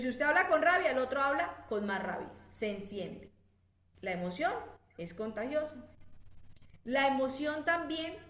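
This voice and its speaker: Woman, fairly high voice, lively faith-based talk, speaks straight to listeners, echoey room. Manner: lively, acts out quoted voices, direct address to listeners. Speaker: psychologist giving a church women's workshop talk.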